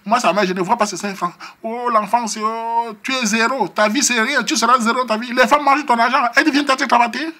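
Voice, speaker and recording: Guy doing an angry older mom, high shrill voice, scolding fast and husky. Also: fairly even intonation, fairly bright tone. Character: angry older African mother scolding her son.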